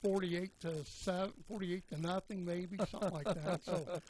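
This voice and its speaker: An older man spins a rambling tale on a local radio broadcast. His voice sits a little high and he keeps fixing his own facts mid-sentence. A light hiss runs under the line. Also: fairly even intonation, moderate pace, a little mellow, low-quality recording. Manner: folksy, meandering, self-correcting. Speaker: color commentator on local radio. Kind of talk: rambling storytelling on a sports broadcast.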